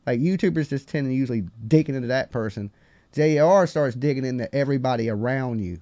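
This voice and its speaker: A man's voice: mid-range voice, brisk, mellow, no room sound. A man with a Southern US hillbilly accent, chatting casually and rambling as the host of a live call-in stream.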